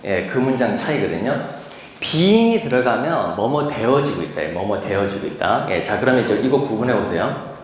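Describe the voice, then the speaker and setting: A man's voice: mid-range voice, sing-song, slight background noise. Man teaching in an echoey lecture hall. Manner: explains patiently, repeats key words with "예"; slows to model English pronunciation. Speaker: TOEIC instructor. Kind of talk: classroom lecture. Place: lecture room. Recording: echoey hall, distant mic.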